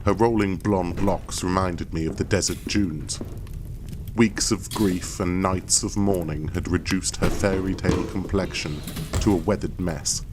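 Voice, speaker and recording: An actor with a low, natural male voice performs grandiose, theatrical first-person narration for an audio drama. He plays a proud, bitter, obsessed expedition leader and husband. The background is noisy.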